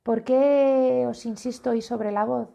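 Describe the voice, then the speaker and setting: Slow, gravelly-voiced woman parenting coach. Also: a little high, steady tone, dark tone. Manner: slow, deliberate, demonstrates tones by acting out phrases. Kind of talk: live-streamed talk to viewers. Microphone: phone or webcam live stream.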